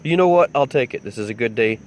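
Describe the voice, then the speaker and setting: A man vlogs his metal detecting finds while digging outside in a muddy field, chatting casually and thinking aloud. His mid-range voice is expressive and fast, with slight background noise behind it.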